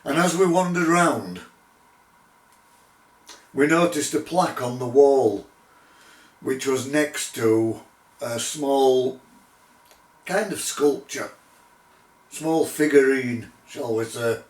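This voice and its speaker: A middle-aged man telling his own paranormal investigation story in a measured, deliberate way, with pauses. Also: mid-range voice. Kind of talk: unscripted spoken storytelling. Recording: roomy echo, distant microphone.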